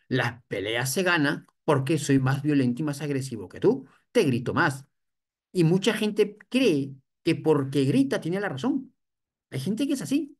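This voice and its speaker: A family counselor gives an educational talk in a voice of middling pitch. The delivery is explanatory and a little halting, with frequent restarts and rhetorical questions that drive each point home. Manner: explanatory, repeats points, often adds "for example". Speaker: family counselor addressed as doctor.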